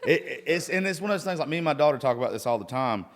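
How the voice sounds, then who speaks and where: A man's voice: a little high, lively intonation, very fast. A hungover man in his thirties hosting a casual podcast chat, rambling, gushing and swearing freely. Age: 30s. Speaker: podcast host. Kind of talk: casual chat, profanity-laden. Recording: reverberant room.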